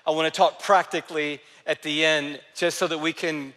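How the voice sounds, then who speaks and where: A man preaching a sermon as a pastor, telling a story with lively energy and going soft and slow for quoted lines. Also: a little high, long reverb tail.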